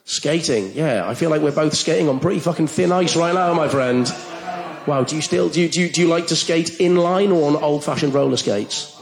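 A man's voice: a little high, brisk, vocal fry. A man hosting a comedy interview, teasing and sarcastic, building into mock outrage. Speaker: comedy show host. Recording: roomy echoey venue.

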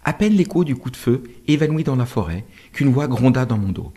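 A man reads a novel aloud in an expressive, dramatic storytelling manner. His voice is husky and mellow and rises and falls a great deal. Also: mid-range voice, brisk. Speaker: narrator. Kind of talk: audiobook narration of a novel.

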